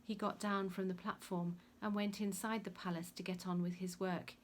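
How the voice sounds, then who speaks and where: A woman reading a Bible story aloud as scripted narration, with measured storytelling. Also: mid-range voice, flat delivery, slight background noise. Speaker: reader.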